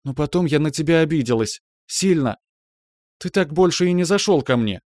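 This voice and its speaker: Мужчина играет восторженную юную девушку. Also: male voice, fairly high pitch, moderate pace, darkish tone, no echo, pitched above the performer's own voice, lightly acted. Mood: reproachful. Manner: gushing, tearful, coquettish. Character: young cheerful woman, emotional, affectionate. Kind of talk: audiobook narration.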